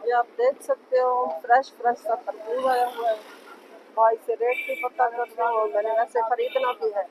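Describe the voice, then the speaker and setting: A woman's voice: fairly high pitch, level tone, moderate pace, background noise. A woman vlogger casually describing the market and its prices to her viewers.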